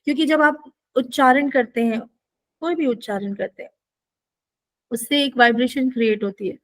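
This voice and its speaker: A woman with a high voice teaches a spiritual lesson, explaining points patiently and checking in with rhetorical questions. The sound is dry and close, with no room echo. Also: moderate pace. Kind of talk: spoken teaching session.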